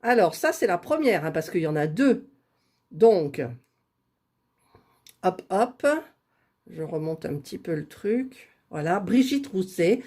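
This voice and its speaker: Woman, unhurried talk, bouncy pitch, chatty, self-deprecating, laughs a lot. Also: lively intonation, a little mellow, breathy edge. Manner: chatty, self-deprecating, laughing often at her own fumbling. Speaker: YouTube creator drawing giveaway winners. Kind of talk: casual screen-recorded vlog.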